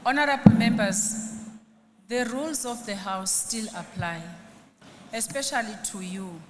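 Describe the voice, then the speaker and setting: A woman with a South African accent presiding over a legislature, admonishing members sternly and repeating herself. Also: fairly high pitch. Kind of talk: procedural chairing of a parliamentary sitting. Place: large legislature chamber. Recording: noisy reverberant chamber.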